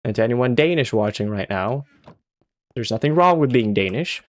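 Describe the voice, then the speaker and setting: A man's voice: medium pitch, lively intonation, normal speed, no room sound. A young man from Sweden, chatting casually and swearing often while streaming a game. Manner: swears a lot and laughs at his own jokes. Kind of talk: casual gaming stream chat.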